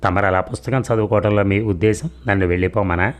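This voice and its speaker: A man's voice: on the low side, fast, natural voice. A man reading a teasing young suitor. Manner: teasing and flattering. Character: playful young man courting his sweetheart. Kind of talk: audio story reading.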